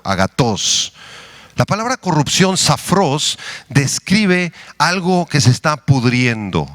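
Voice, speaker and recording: A man from Mexico preaching a sermon as pastor, leading the congregation in prayer and Bible reading with slow, deliberate emphasis. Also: medium pitch, fairly bright tone, no echo. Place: church.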